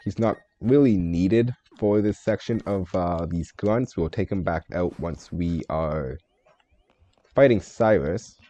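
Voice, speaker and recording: A man's voice: deep voice, dark tone, no echo, lo-fi sound. A man streaming a game live, thinking aloud, answering chat and joking about himself in a casual way. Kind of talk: live gameplay stream commentary.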